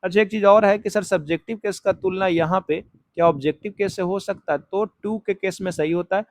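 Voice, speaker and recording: A man with a fairly high voice teaches an exam-prep grammar class. He explains each point step by step, stretches out key words slowly, and keeps asking questions he answers himself. The sound is close and dry. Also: steady tone, no echo. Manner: writes on a board while talking. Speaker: English teacher.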